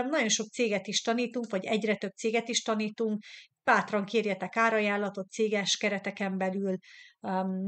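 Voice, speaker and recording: A Hungarian woman with a medium-pitched voice teaches English during a live online lesson. She pronounces English words slowly twice, then explains them in Hungarian, and chats encouragingly with her viewers.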